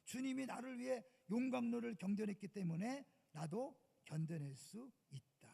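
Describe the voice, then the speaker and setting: Male pastor, sermon. Husky, dark tone, loud-to-hushed delivery, long church reverb. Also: very high-pitched, moderate pace. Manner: emphatic preaching, swings to loud outbursts and hushed asides. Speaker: senior pastor. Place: church sanctuary.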